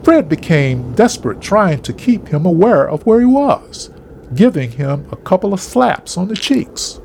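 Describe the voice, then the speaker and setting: Expressive man narrating a story. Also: high-pitched, a little slow, creaky, slight background noise. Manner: expressive, dramatic reading.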